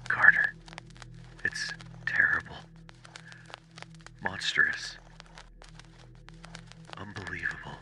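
A man's voice: extremely low pitch, steady tone, drawn-out words, pauses often, pushed and bright, faint music behind, full character voice. A man doing a terrified whispering explorer on a phone line. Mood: awed whisper. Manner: shaky, fearful whispering that rises to frantic pleading.

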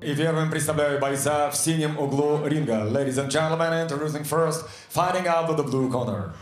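An older man working as a boxing ring announcer, introducing fighters formally and theatrically with drawn-out, shouted names. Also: faint music behind. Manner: formal, theatrical, booming delivery. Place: fight ring in a covered arena. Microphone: handheld microphone. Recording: echoing arena PA sound.

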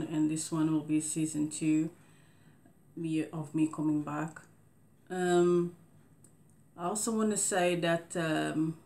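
Slow, low-voiced woman with a Portuguese accent. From Cape Verde. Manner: slow, careful speech with many fillers and restarts. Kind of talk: casual talking-head monologue. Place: indoors in front of a green screen.

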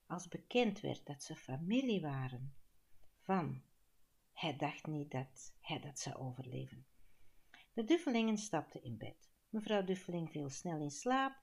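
A Flemish woman narrating an audiobook in a calm, measured storytelling manner. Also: sits low.

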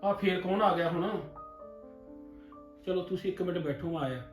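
A man's voice: high voice, moderate pace, close to an everyday voice. A man playing a newlywed groom who keeps getting interrupted and snaps at his younger brother, in a roomy recording with music. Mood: irritated. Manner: annoyed, snapping. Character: flustered newlywed groom, short-tempered. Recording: roomy film audio with music.

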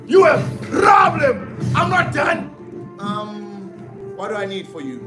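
A man commentates his own gameplay with a very high voice, hyped and shouting as he repeats the same phrases again and again. He drags his words out slowly. The room is echoey, with loud game music and crowd sounds behind him. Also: very animated. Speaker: let's play host.

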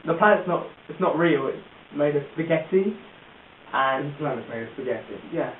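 A man in an amateur comedy sketch, rambling and halting as he pitches an idea. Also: expressive. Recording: tinny lo-fi echoey hissy recording.

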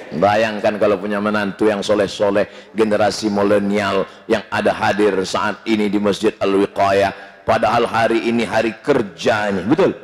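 A man preaching a humorous, lively sermon in a mosque, with bursts of shouting. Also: on the low side. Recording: long reverb in mosque hall.

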